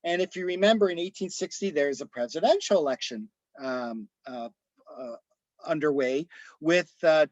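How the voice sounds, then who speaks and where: Guy giving a history talk over a dull dry mic, kinda high voice, lots of ums. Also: normal speed, dry recording. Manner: storytelling with frequent ums and restarts. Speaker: author and presenter. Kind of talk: history lecture.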